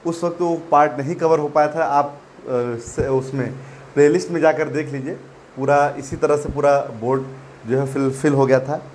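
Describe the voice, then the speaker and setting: A man teaching a spelling lesson to exam students, repeating each word slowly and calling his listeners "children". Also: a little high, fairly even intonation, darkish tone, slight background noise. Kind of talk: classroom-style spelling lesson.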